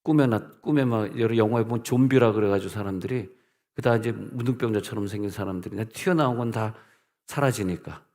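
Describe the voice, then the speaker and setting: A middle-aged man preaching a sermon as a pastor, telling stories in a playful way and breaking into sudden loud outbursts and put-on dialect. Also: lowish voice, brisk.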